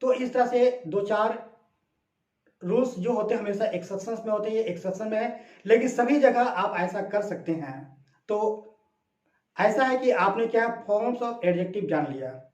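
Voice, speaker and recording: A male tutor giving a grammar lesson, slow and deliberate, repeating example words and asking questions to the listeners. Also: sits high, lively intonation, a little mellow, echoey room. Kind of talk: classroom-style grammar lesson.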